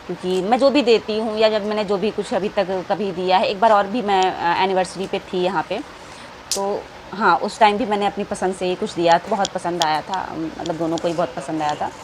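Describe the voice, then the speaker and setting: A woman's voice: medium pitch, fairly even intonation, fairly quick. An adult woman chatting affectionately to her viewers in a casual home vlog. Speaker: family vlogger. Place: family home indoors. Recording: noisy home background.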